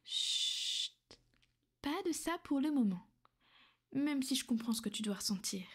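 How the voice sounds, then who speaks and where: A woman plays a gentle, soothing vampire noblewoman, often dropping into a hushed whisper, in an intimate ASMR roleplay that feels caring on the surface but possessive underneath. Her high, soft voice has a breathy edge and an expressive, unhurried delivery. The mood stays calm and matter-of-fact.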